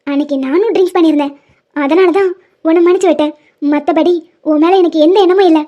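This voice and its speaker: A woman's voice: very high voice, steady tone, fast talker, dark tone. A woman playing an angry young mother who scolds and rejects the man who wronged her. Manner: scolding, exasperated. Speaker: female lead. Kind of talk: animated love-story dubbing. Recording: dull lo-fi audio with faint music.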